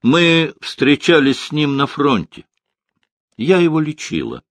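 A man's voice: fairly high pitch, unhurried, no echo, pitched above the performer's own voice, natural voice. A man reading an audiobook, voicing a composed, reserved woman, a former army doctor and mother, who speaks in a restrained, matter-of-fact way.

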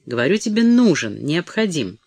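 A man's voice: a little high, sing-song, normal speed, dry recording. A man doing a curt, scheming son. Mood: demanding. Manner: curt, bitter and demanding. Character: rude, scheming young grown son.

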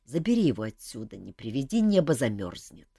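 A woman voicing a gruff adult male hero who grumbles and answers with curt sarcasm. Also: a bass voice, very animated, fairly quick, warm tone, no room sound, clean studio sound, full character voice. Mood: grumbling.

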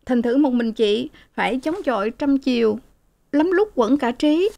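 A woman's voice: a little high, expressive, a little slow, vocal fry, dark tone, pitched above the performer's own voice. A woman reading an audiobook voices an anxious young married woman, pleading and tearful, in a raised voice.

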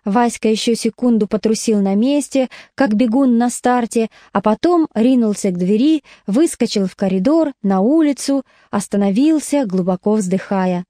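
A woman reads a story aloud with lively, expressive narration. Her voice sits a little high but sounds mellow and dark, recorded dry and close. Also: normal speed, hardly any pauses, no room sound. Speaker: audiobook narrator.

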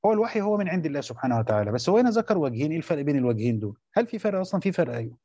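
A man with an Egyptian accent, a little higher-pitched than most, teaches a lesson at a brisk clip. He poses questions aloud, answers them himself, and checks that his listeners follow. The sound is dull and lo-fi, recorded dry. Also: very animated, warm tone, husky, dry recording. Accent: Egyptian Arabic. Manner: checks with listeners whether points are understood. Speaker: teacher of Quran commentary. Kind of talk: classroom lesson explaining a text.

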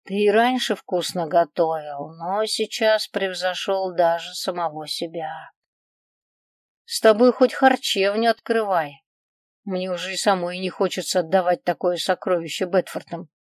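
A woman voicing an old, tired mother who fondly praises her son, speaking slowly with breathy puffs. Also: on the low side, dry recording, clean studio sound, close to an everyday voice.

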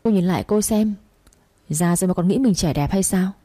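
Woman doing a sneering con man, quick mocking delivery, warm low tone. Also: no echo, close to an everyday voice. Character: sneering treacherous male lover, fake priest.

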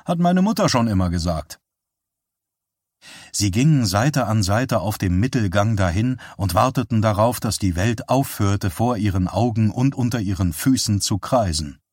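A man narrating an audiobook with even, measured storytelling. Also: lowish voice, slightly rough, no echo, studio quality. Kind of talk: scripted narration.

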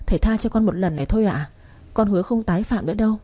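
A woman's voice: medium pitch, rapid-fire, mellow, natural voice. A woman reading the part of a desperate daughter-in-law who pleads tearfully for mercy. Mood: pleading.

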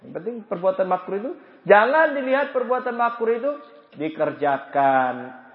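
Lively high-voiced man teaching in an echoey room. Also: normal speed. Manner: lively, joking, acts out anecdotes; chants call-to-prayer phrases as examples. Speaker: religious teacher. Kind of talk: Islamic study lecture. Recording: echoey, dull lo-fi room recording.

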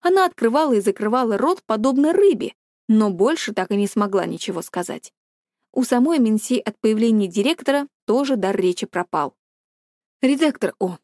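Woman audiobook narrator, a touch high, steady scripted reading, dry booth sound. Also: brisk, dry recording.

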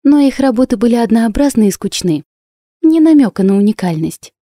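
Woman voicing an enthusiastic young woman, exclaiming, raised voice, mellow, dry, audiobook. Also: sing-song, a little fast, dry recording. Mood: lively. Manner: bright, exclaiming, raised pitch. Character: lively, enthusiastic young woman artist friend. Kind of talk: audiobook character voice.

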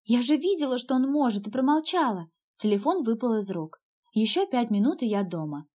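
Female audiobook narrator, first-person drama, emotional reading, voice sits on the higher side. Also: sing-song, brisk, warm tone.

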